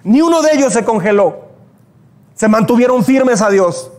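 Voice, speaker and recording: Very high-voiced preacher man. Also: expressive, moderate pace, darkish tone. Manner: storytelling preacher, acts out quoted prayers. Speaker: pastor. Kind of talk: sermon.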